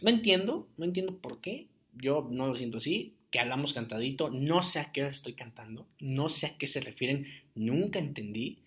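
A young man talks alone into his podcast mic. He rambles in a loose, chatty way and fills his talk with fillers. His voice sits at an ordinary middle pitch. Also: animated, normal speed, hardly any pauses. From Jalisco, Mexico. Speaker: podcast host. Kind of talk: casual solo podcast monologue.

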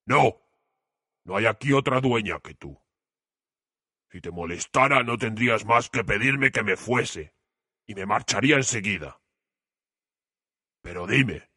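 Man doing a humble storybook beast, low, husky, drawn-out lines, sorrowful and gentle. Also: dry recording, clean studio sound, heavily acted. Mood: tender, pleading. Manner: slow, heavy, pleading. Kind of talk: storybook reading.

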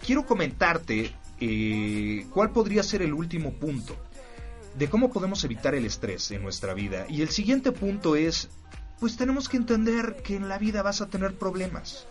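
A man with a Mexican accent hosting a podcast, speaking directly to the listener in a motivational self-help talk and repeating his points for emphasis. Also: a little high. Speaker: podcast host. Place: studio recording.

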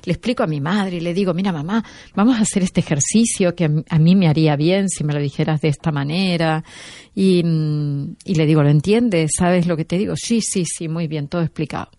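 Woman, lowish voice, dry close sound, lively storyteller who acts out dialogue. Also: a little fast, no echo. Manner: animated, acts out quoted dialogue. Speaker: guest expert. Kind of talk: conversational storytelling.

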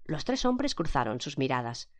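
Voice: big pitch swings, moderate pace. A narrator reading a mystery novel aloud as scripted audiobook narration, giving the quoted characters their own voices. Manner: acts each character's quoted lines with pitch and loudness shifts.

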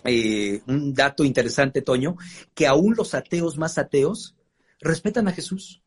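A man who is a pastor, retelling a Bible story in a lively conversational way with joking asides. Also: medium pitch, a little slow, husky.

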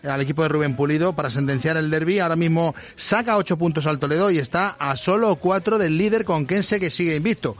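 A man's voice: fairly high pitch, fast, hardly any pauses. A man with an accent from Spain giving a live sports news report on the radio. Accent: Spanish from Spain.

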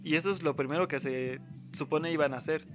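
With faint music behind him, a young adult university student talks fairly quickly in a slightly high voice. His Mexican accent colors a loose, slangy, rambling chat. He often acts out quoted speech from other people.

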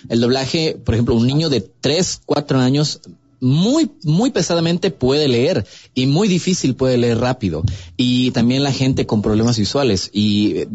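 A man's voice: medium pitch, expressive, measured pace, darkish tone, slightly rough, no echo. Podcast host guy, emphatic, dry slightly muffled sound. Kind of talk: casual podcast interview.

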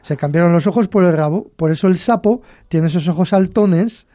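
A host with a Cantabrian accent tells short folk tales on a storytelling folklore podcast, chatty and folksy, chuckling often at a brisk pace. His warm, mellow voice sits fairly high, and the recording is dry and close with no room sound.

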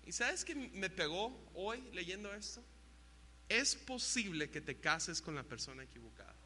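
A young man preaches with animated storytelling, breaking into shouted sound effects and imitations. His voice is high and very bright. He sounds like he is in a large hall with long reverb and a faint hum behind him. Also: unhurried. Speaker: youth pastor. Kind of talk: sermon.

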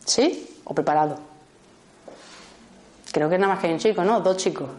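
A woman with a Spanish accent, teaching a small group in a lively way, acting out short exchanges and often checking in with her listeners. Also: fairly low pitch, normal speed. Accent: Spanish from Spain. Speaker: workshop teacher.

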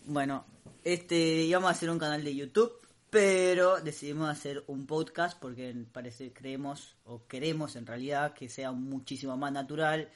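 A man's voice: fairly high pitch, moderate pace. A man, co-hosting a casual unscripted podcast chat, hesitant and full of restarts, speaking into a handheld mic. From Costa Rica. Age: 30s. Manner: hesitant, restarts often, laughs easily. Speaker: podcast co-host.

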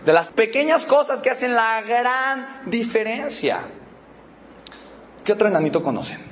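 A man's voice: very high-pitched, sing-song, normal speed, a little hiss or hum. A man with a Mexican accent leading a motivational seminar, teasing the audience with rhetorical questions. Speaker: motivational speaker.

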